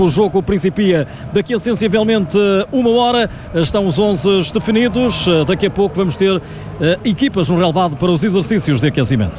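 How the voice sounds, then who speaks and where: High-voiced Portuguese man reporting amid noise. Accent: European Portuguese. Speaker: football reporter. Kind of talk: live radio pre-match report. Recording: noisy live stadium feed.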